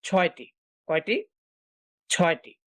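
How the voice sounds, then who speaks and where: A man's voice: fairly high pitch, lively intonation, slow pace, a bit bright, dry recording. Patient male teacher, dry close sound. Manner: explains step by step, asks and answers own questions; frequent filler sounds while thinking. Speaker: Quran recitation teacher. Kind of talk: online class lecture.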